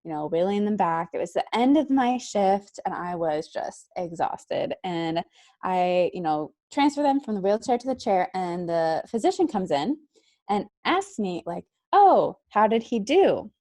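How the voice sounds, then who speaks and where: A woman in her twenties, a student guest on a podcast, telling a story in a giggly, lively way. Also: lowish voice, normal speed, no room sound, studio quality. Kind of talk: casual podcast chat.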